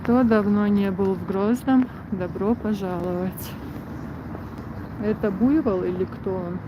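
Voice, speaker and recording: Slow-talking woman on a noisy outdoor livestream. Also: medium pitch, muffled recording. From Grozny, Russia. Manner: short unhurried remarks with pauses, commenting on sights. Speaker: vlogger livestreaming a walk. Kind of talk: casual live vlog narration. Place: outdoors in a city park. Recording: very noisy outdoor phone livestream, traffic ambience.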